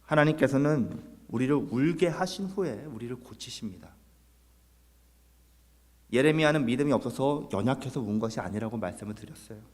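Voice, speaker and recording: A man's voice: medium pitch, in a large hall. A man preaching a Sunday sermon as pastor, earnest, putting rhetorical questions to his congregation. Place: church sanctuary.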